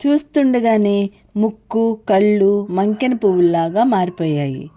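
A woman narrating a novel in a steady, expressive storytelling style. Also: medium pitch, measured pace. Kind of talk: scripted narration.

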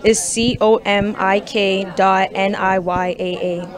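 A woman's voice: mid-range voice, level tone, slow pace. A young woman answering interview questions casually, often repeating herself and sounding unsure. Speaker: model interviewee. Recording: noisy crowd chatter behind.

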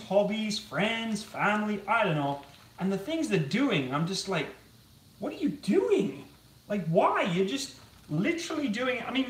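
The camera on its tripod sits across the kitchen, giving a roomy, distant sound with a bit of hiss or hum. There a young man cooks on a live stream, talking casually in a rambling, self-deprecating way, his voice high and slightly bright.

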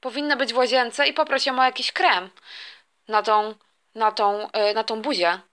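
A woman's voice: a little high, steady tone, moderate pace, a bit bright, lightly acted. A woman voicing a caring, mildly scolding father in a toy story role-play. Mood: concerned. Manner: fatherly, lecturing.

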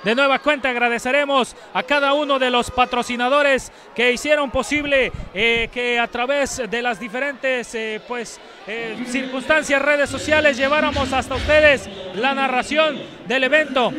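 A man commentating live lucha libre as an excited, shouting wrestling commentator. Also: very high-pitched, normal speed, hardly any pauses. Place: large packed indoor arena, ringside. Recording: loud arena crowd behind the voice. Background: cheering crowd.

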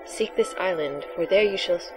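Woman putting on a breathy, prophetic trance-voiced oracle. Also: fairly low pitch, moderate pace, over music, lightly acted, rough recording. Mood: mystical, solemn. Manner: prophetic trance-like, solemn delivery. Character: solemn female oracle prophesying in riddles. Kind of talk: voiced game dialogue.

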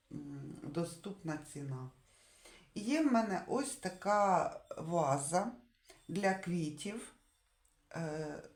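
A woman with a lowish voice shows off secondhand dishes in a casual way. She describes every detail slowly and thinks aloud as she goes. The room around her gives back a clear echo. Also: a little mellow. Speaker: secondhand dish seller. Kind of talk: casual product showcase. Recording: echoey room.

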